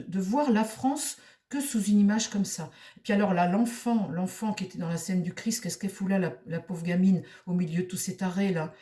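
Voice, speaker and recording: A woman's voice: mid-range voice, warm tone, far from the mic. A woman tarot reader talking to her viewers in a heated, indignant way, often repeating herself. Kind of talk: casual monologue to viewers. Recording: roomy echo, mic set back.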